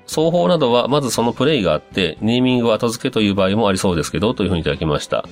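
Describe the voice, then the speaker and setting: Male host, very low voice, relaxed chatty reader of listener messages, light music bed. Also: rapid-fire. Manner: relaxed, chatty, with frequent fillers and musing asides. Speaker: podcast host. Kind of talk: casual radio-style talk reading listener messages.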